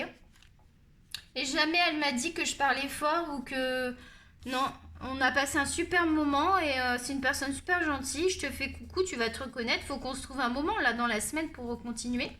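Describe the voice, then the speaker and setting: A woman with a high, shrill voice who talks loudly and at length, chatting her way through a colored-pencil tutorial. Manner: loud, talkative and animated. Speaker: colouring tutorial host.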